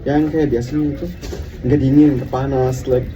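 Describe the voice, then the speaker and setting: A man's voice: medium pitch, flat delivery, normal speed. A young man with a Sudanese accent speaking Indonesian as a foreigner, chatting casually as a guest and dropping in English words. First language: not Indonesian. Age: young adult. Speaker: interview guest, university student. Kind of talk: casual chat. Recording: distant mic, clear background noise.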